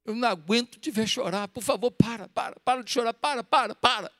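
Jesus is a gentle man here, pleading softly and repeating himself, as a Brazilian preacher with a very high voice acts him out. His words come in a hushed tone, and the sound is dry and close with no room echo. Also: quick pace. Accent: Brazilian Portuguese.

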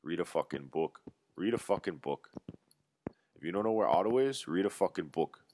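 A man's voice: low voice, expressive, fairly quick, darkish tone, a little hiss or hum. A man putting on a Canadian accent to play a brash young Canadian man who mocks people with blunt, profane jabs. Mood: scornful.

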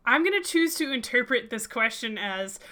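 A woman's voice: a little high, lively intonation, normal speed, sharp tone. A woman hosting a motorsport podcast, chatting breezily and emphatically and reading out listener questions. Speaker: podcast host. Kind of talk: casual podcast chat.

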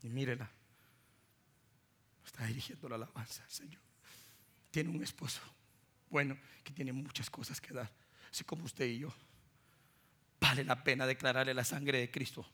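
A middle-aged man from Guatemala with a Guatemalan Spanish accent, preaching a sermon as pastor, telling stories that swing from loud preaching to soft, low asides. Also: steady tone, moderate pace, pauses often, slightly rough.

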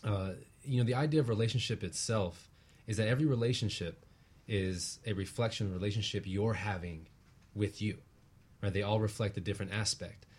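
This guest, a relationship practitioner and teacher, has a fairly deep, husky, slightly mellow male voice. He lays out spiritual concepts in an earnest, explanatory, conversational way, frequently closing a point with "right?" to make sure the listener is keeping up.

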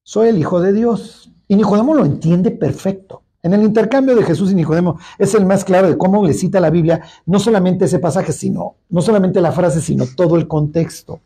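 A man's voice: high-pitched, brisk, few pauses, warm tone, husky. A man with a Mexican accent teaching a Bible study in a colloquial, joking way, full of asides. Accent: Mexican Spanish.

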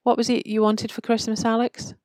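A woman's voice: fairly high pitch, level tone, fairly quick, darkish tone, no room sound, studio quality, pitched above the performer's own voice, close to an everyday voice. A woman voicing a menacing fake Santa. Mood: mock kind. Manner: mock-kind turning to growling threats. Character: gruff menacing man playing Santa.

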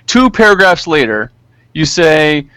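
Teasing higher-voiced podcast co-host. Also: male voice, very animated, unhurried, pushed and bright, clear, resonant tone, no echo. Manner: teasing, reads quotes aloud. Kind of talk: podcast interview.

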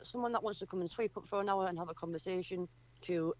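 A woman's voice: on the low side, quick pace, a little mellow, dry recording, muffled recording. A woman from northeast England with a Durham accent, explaining things earnestly as a guest in a conversational radio interview. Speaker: community project representative, radio guest.

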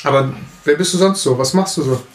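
Man in his 30s, slightly higher voice, casual co-host, laughs a lot, echoey room. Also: quick pace, a little hiss or hum. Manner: chatty, laughs often, many restarts. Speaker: podcast co-host, youth pastor. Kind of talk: casual chat. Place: room set up for recording, indoors.

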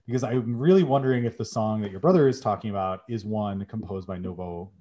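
Podcast co-host, young adult male, lowish voice, eager and filler-heavy storytelling. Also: fast, warm tone, highs cut off. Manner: enthusiastic, many "um"s, summarizes plot. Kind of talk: casual podcast chat.

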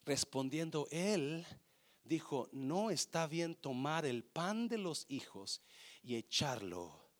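A male pastor preaching a sermon with passion, calling out to the congregation and swinging from hushed to shouting. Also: on the high side, very animated, slow pace. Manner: calls out to congregation.

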